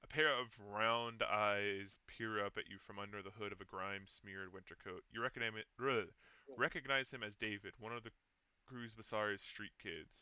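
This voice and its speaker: Bright-voiced man reading game text. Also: fairly low pitch, moderate pace, clean tone, no room sound, lo-fi sound. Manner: relaxed, reads story text aloud with small stumbles. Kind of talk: casual let's play chat and narration read-aloud.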